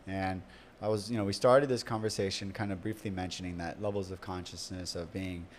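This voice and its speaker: Chatty low-voiced male podcast host. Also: steady tone, a little fast, a little hiss or hum. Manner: casual, enthusiastic, chatty. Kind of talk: casual conversational interview.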